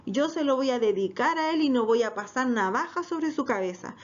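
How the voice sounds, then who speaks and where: A woman's voice: high voice, expressive, fairly quick. A woman voicing a grieving wife pleading for a son. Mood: explaining. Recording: dull lo-fi recording.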